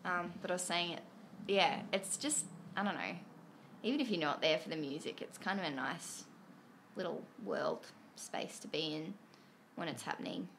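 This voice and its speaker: Nasal, gravelly woman. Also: fairly low pitch, lively intonation, normal speed, fairly bright tone, slight background noise. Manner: easygoing, thinks aloud as she talks. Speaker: guest musician. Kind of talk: casual chat.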